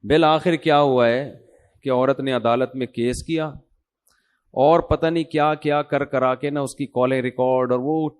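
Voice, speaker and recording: A man's voice: medium pitch, steady tone, clear, resonant tone. A middle-aged Pakistani man giving a conversational religious talk, telling cases and getting emphatic as he makes his points. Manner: conversational, storytelling, acts out quoted voices; grows emphatic and louder when making a point. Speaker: religious scholar. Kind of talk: informal Urdu religious talk to an audience.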